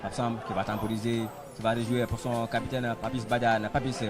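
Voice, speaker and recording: A man's voice: mid-range voice, little pitch movement, brisk. A man giving live football play-by-play as match commentator. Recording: outdoor stadium, loud music and crowd.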